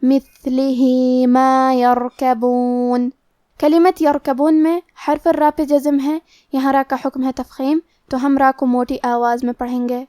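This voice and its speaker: A woman with a high voice teaches recitation rules at a slow, careful pace. The sound is dry and close, with no room around it. She walks through each rule step by step. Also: little pitch movement, dark tone, no room sound. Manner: slow, measured explanation with drawn-out demonstration words. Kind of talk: tajweed lesson, explaining rules in Urdu.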